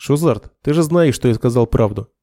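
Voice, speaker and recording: A man's voice: medium pitch, lively intonation, normal speed, mellow, no room sound, studio quality, lightly acted. A man voicing a cool, blunt young sergeant who speaks in a cold, accusing way. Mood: calm, firm.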